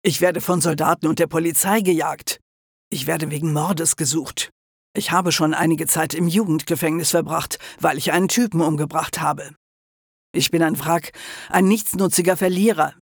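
A man's voice: fairly high pitch, fairly even intonation, normal speed, vocal fry, slightly rough, no room sound, studio quality. A man voicing a young man on the run who sounds scared, sarcastic and disbelieving, in an audiobook. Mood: despairing.

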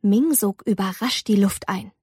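A woman reading a children's story aloud in a slow, expressive storytelling manner. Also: mid-range voice, husky, dry recording, clean studio sound.

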